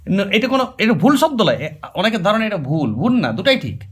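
A man's voice: sits high, big pitch swings, a little fast, breathy edge. A man teaching an exam-prep Bengali grammar lesson, emphatic and repetitive, speaking directly to his students. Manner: emphatic, repeats key words, addresses students directly.

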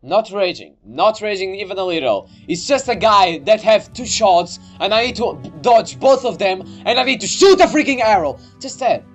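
Young male game streamer, high-pitched and lively, jumpy and sweary, over faint game music. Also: moderate pace, few pauses. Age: young adult. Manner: excitable, easily startled, swearing. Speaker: gaming video creator. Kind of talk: let's play game commentary.

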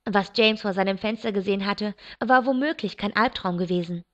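Woman audiobook reader, expressive first-person narration, dull lo-fi recording. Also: medium pitch, a little fast. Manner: steady, expressive storytelling.

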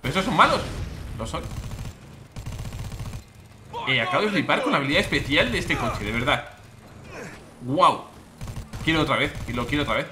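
Excitable man with a Spain Spanish accent. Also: a little high, normal speed, pauses often, noisy background. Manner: excitable, exclamatory, repeats phrases. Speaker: gaming YouTuber. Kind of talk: let's play commentary.

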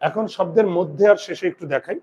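A male teacher runs a classroom grammar lesson in a fairly high voice with a darkish, slightly rough tone, and the highs are cut off. He asks his students questions and answers them himself, then slows right down to dictate each rule deliberately for them to note.

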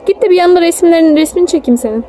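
Holding a phone behind the camera at an outdoor children's park, a mother in her thirties chats casually with her little one, pointing at things, explaining, and using coaxing pet names. Her mellow voice is very high and very fast, and faint crowd noise carries through the outdoor video.

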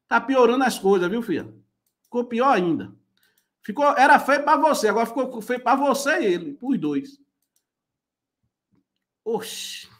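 Guy reacting live, really high lively voice, keeps mocking and repeating lines. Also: moderate pace. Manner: mocking, incredulous, repeats phrases. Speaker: reaction commentator.

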